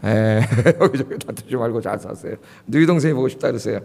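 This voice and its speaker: Speaking quickly in a mid-range, slightly mellow voice with vocal fry, this Seoul-born pastor in his fifties delivers a conversational sermon. He frequently questions the congregation, and the sanctuary adds a long hall reverb.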